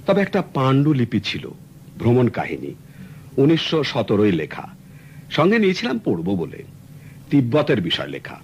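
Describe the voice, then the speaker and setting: In a 1970s radio drama, an actor plays a polite, earnest middle-aged client who explains his story courteously and at length. His medium-pitched voice swoops wildly in pitch, with normal speed, long pauses and a slightly mellow quality, and the old radio recording carries a faint hiss.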